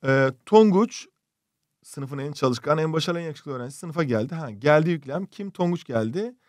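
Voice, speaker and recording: Man, teacher, online grammar lesson, fairly high voice, dry close sound. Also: lively intonation, moderate pace, darkish tone, dry recording. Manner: explains step by step with many rhetorical questions; reads out student questions from cartoons. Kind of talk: online exam-prep lesson.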